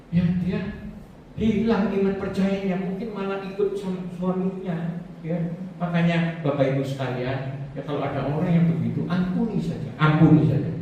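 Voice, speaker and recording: A man's voice: high-pitched, warm tone, a little hiss or hum. Man, pastor's sermon, joking storyteller, very reverberant hall, faint background ambience. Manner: chatty, joking storyteller who laughs at his own stories. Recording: very echoey hall, distant mic, faint ambience.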